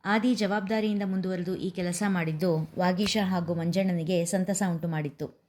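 A woman storyteller reading a serialized family story aloud in a steady, expressive way. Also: fairly low pitch, normal speed. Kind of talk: scripted story narration.

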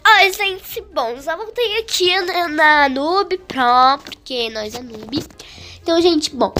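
Excitable high-voiced Brazilian gamer girl. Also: takes it slowly, soft background music. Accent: Brazilian Portuguese. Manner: chatty, excitable, full of slang. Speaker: gaming YouTuber. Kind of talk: casual gameplay commentary.

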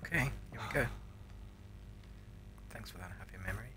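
Streaming from a small room indoors, a man in his thirties mutters wry reactions as he casually comments on a game. He has a mid-range, expressive voice and talks fairly quickly. Behind him there's background noise and faint game ambience.

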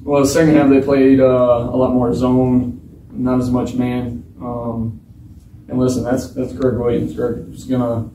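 A man in his thirties, a football quarterback, answering reporters at a post-game press conference in a frank, halting way with many restarts. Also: medium pitch, monotone, background noise. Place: small press room with bare walls. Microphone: table mic, filmed from across the room. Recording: echoey room from a distance.

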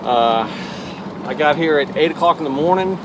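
A man's voice: a little high, animated, normal speed, background noise. A man in his forties vlogging to a dashboard camera from inside his camper van, talking loosely and correcting himself as he goes. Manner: loose and rambling, self-correcting. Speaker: travel vlogger. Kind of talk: casual vlog to camera. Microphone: camera on the dashboard at arm's length.

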